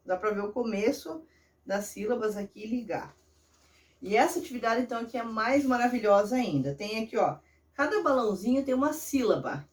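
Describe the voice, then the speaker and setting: A woman's voice: fairly high pitch, distant mic. A woman primary school teacher with a Brazilian Portuguese accent, patiently guiding children step by step through workbook exercises. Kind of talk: remote lesson walkthrough of a workbook.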